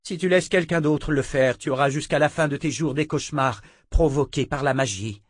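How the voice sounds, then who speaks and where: A man's voice: fairly high pitch, moderate pace, no echo, voice pushed up, lightly acted. A man voicing a stern, cold, commanding sister who wields magic in an audiobook.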